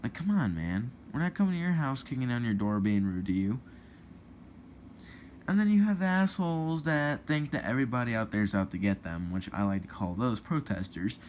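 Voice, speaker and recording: A man's voice: medium pitch, expressive, fairly quick, darkish tone. A young man ranting indignantly to camera in a rambling vlog, with many restarts. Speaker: vlogger. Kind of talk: casual opinion rant to camera. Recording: dull lo-fi with faint noise.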